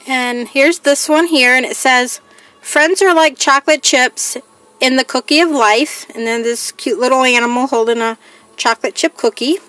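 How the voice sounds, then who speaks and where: Chatty woman with a higher voice. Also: normal speed, a bit bright, dry recording. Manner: chatty, reads each item aloud in a plain listing way. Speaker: crafting vlogger. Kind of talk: casual haul show-and-tell.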